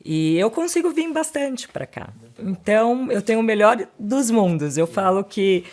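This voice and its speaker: A woman's voice: medium pitch, lively intonation, moderate pace, darkish tone. A woman with a Brazilian Portuguese accent, a lawyer talking fluently as a podcast guest, often adding little tag questions. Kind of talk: casual interview chat.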